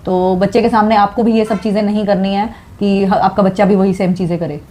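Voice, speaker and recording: A woman's voice: mid-range voice, steady tone, fairly quick, dark tone. A woman co-hosting a vlog, patiently explaining parenting advice with everyday examples. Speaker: co-host, mother. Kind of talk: casual parenting advice chat.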